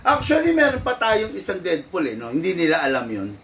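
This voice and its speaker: Guy chatting on a stream, bright voice, kinda far from the mic. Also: sits high, wildly swooping pitch, a little fast. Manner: chatty, laughs easily, greets viewers. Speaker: airsoft live-stream host. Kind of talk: casual live-stream chat. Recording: distant mic, faint background noise.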